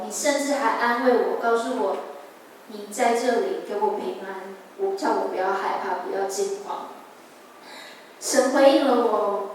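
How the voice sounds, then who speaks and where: A young woman with a Taiwanese Mandarin accent giving a personal testimony at a church service, earnest and halting with restarts. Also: a little high, slight background noise. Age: young adult. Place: large church hall. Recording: echoey hall, mic far off.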